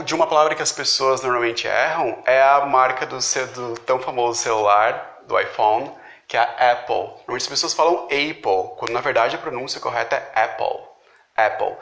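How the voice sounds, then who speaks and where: A man whose first language is Portuguese gives a pronunciation lesson at a middle pitch, slowing down to repeat each example word with care. His voice rings in a noticeably echoey room. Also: fairly bright tone. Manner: slow, deliberate repetition of example words. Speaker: pronunciation tutor. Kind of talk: instructional explanation.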